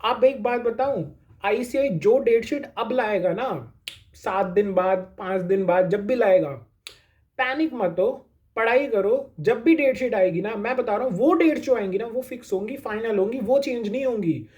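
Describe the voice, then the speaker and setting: A man's voice: high voice, moderate pace, darkish tone. A man giving a casual pep talk to exam students, reassuring them and repeating his points, with English phrases mixed into his talk. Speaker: exam coaching YouTuber.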